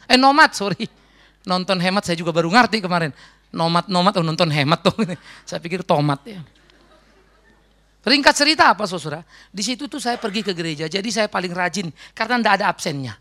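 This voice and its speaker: A middle-aged male pastor from Sumatra preaching a sermon, telling his life story in a lively way, acting out voices and laughing often. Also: high-pitched, creaky. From North Sumatra. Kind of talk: sermon with personal testimony.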